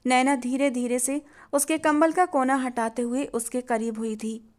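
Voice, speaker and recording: A woman storyteller narrating a scripted family drama. Her reading is steady and expressive, in a fairly high voice.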